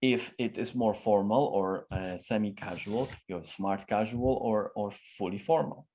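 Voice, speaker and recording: A man's voice: fairly low pitch, normal speed, mellow, slight background noise. Emphatic male communication coach. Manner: emphatic, varies his tone a lot, frequent fillers. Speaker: guest expert on communication. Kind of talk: interview answer.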